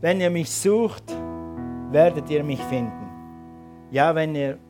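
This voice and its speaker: A man's voice: on the high side, slow, over music. A man preaching a sermon and calling his congregation to respond. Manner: preaching with rising emphatic calls to the congregation. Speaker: pastor.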